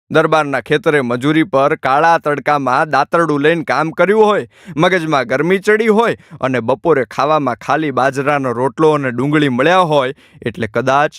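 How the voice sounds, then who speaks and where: A man narrating an audiobook in an expressive, dramatic storytelling manner. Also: a little high, no echo.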